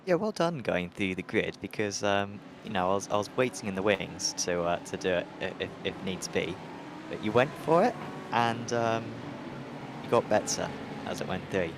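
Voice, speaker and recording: A man's voice: fairly low pitch, lively intonation, normal speed, noisy background. A man commentating a sim racing broadcast, hesitant and full of fillers. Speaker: race commentator.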